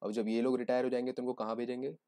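A man's voice: mid-range voice, flat delivery, very fast, dark tone, dry recording. A young man giving a joking, conversational exam-prep lecture, explaining with everyday examples. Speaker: teacher.

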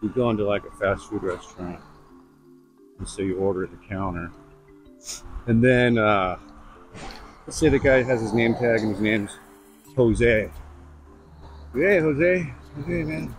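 A man's voice: on the low side, a little slow, long pauses, faint music behind, rough recording. A middle-aged man rambling bluntly in a casual walk-and-talk vlog, recorded outdoors on a lapel mic. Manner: rambling, chatty, blunt asides. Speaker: vlogger. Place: outdoors on suburban streets. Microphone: lavalier mic.

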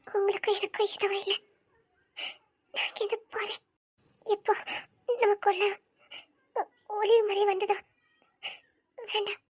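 A woman's voice: extremely high pitch, monotone, normal speed, pauses often. A woman voicing a hurt young wife who speaks through tears, with a Tirunelveli Tamil accent. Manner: tearful, wounded.

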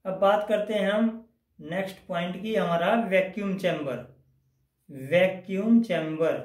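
A man with a high voice gives a whiteboard lesson. He talks through each step slowly and repeats key phrases. His voice rings in an echoey room. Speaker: teacher. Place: indoors at a whiteboard.

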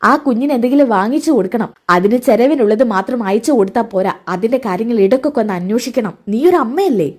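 A patient older father reasons gently and gravely, as a woman storyteller voices him. He speaks calmly but briskly. The voice stays only a touch lower than the teller's own. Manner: calm, reasoning.

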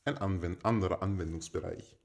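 A man makes a mock-formal giveaway announcement as host, speaking in a pompous, stilted and deadpan manner. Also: low-pitched, brisk. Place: indoors in a home.

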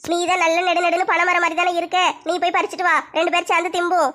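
A woman doing a squeaky, childish little village girl. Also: flat delivery, fairly bright tone. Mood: complaining. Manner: rapid, squeaky, teasing. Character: short, cheeky young woman, childish and greedy for sweets.

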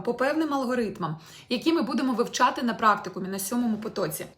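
A woman leads an online French pronunciation lesson. Her voice sits a bit high and stays lively as she talks straight to her viewers. She slows down to model each sound carefully. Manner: animated, drills French phrases slowly and clearly; addresses viewers warmly as "my dear ones".

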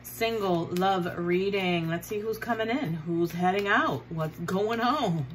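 Woman, tarot reader, slow pace, chatty and affectionate, faint background noise. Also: fairly low pitch, rough recording. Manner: chatty, affectionate, repeats signs and card names. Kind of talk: casual tarot reading to viewers.

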